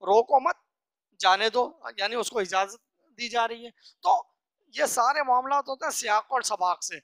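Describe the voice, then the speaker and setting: An earnest teacher working through a scripture lesson verse by verse, reciting each phrase slowly before unpacking it. The voice sits at an ordinary middle pitch and sounds close and dry, with no room around it. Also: expressive, fairly bright tone, no echo. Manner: earnest, instructive, asks and answers own questions. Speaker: religious teacher.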